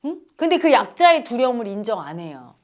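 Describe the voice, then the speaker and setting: A woman's voice: a little high, fairly quick. A middle-aged woman giving a spiritual talk, asking her listeners questions and acting out the voices she quotes. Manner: lively, acts out quoted voices, asks the audience questions. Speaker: spiritual teacher. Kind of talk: dharma talk.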